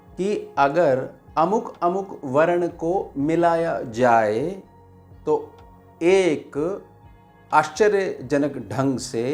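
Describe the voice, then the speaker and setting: Guy explaining spiritual stuff real slow n steady, soft music behind him. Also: fairly high pitch. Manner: slow, measured explanation with pauses. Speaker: spiritual teacher. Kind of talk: devotional teaching talk.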